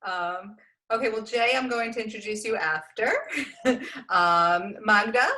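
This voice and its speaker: Bright-voiced woman hosting a video call. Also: mid-range voice, a little slow. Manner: upbeat, brief acknowledgements. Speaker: meeting host.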